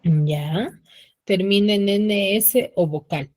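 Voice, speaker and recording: A woman's voice: mid-range voice, takes it slowly, darkish tone. A woman teacher giving an online lesson, who keeps asking her students questions and checks their understanding with short prompts. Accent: Peruvian Spanish.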